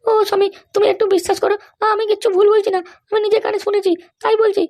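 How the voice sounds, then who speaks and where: A woman's voice: very high-pitched, level tone, very fast, darkish tone. Woman voicing a pleading young cartoon wife. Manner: pleading, protesting innocence. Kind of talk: cartoon voice acting.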